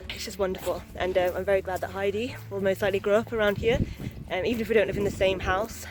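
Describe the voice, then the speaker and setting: Fast-talking young woman vlogging on a walk. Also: medium pitch, low-quality recording. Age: young adult. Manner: chatty, candid, rambling. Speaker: vlogger, new mother. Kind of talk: casual vlog chat while out walking. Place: outdoors on a walk.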